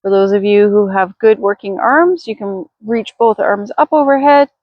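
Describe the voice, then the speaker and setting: Female yoga teacher, careful and unhurried, mid-pitched voice, guiding gentle movement in a dry recording. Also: no echo, highs cut off. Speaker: yoga instructor. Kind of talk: guided slow gentle yoga class.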